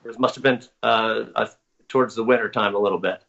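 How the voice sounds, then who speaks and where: A man's voice: on the low side, steady tone, a little fast, vocal fry, a bit bright. A man in a casual interview, telling a long story in a rambling, self-correcting way. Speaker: guest recounting experiences. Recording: dull lo-fi audio.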